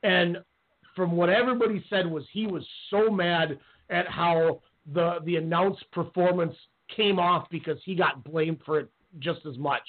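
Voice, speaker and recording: A man's voice: high voice, moderate pace. A man co-hosting a wrestling podcast, ranting in heated casual talk. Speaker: podcast co-host. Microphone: call-in radio line. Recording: tinny phone-line audio.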